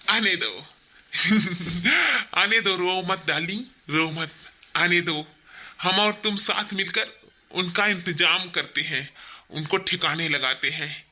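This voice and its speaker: A man's voice: sits high, pushed and bright, heavily acted. A man voicing a scheming young lover in a cartoon, speaking with an Awadhi accent in a sly, soothing murmur.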